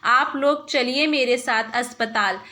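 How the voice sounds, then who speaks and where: Woman reading a kind storybook gentleman, slow and soothing, bright high voice. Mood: reassuring. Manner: calm, reassuring. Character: kind helpful middle-aged gentleman.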